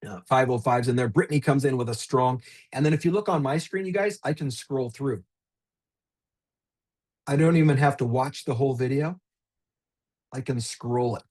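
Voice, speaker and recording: A man's voice: mid-range voice, normal speed, long pauses, darkish tone, husky. A man leading a live online teacher training, demonstrating a tool in an upbeat, chatty way and addressing attendees by name over a video call. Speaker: workshop presenter.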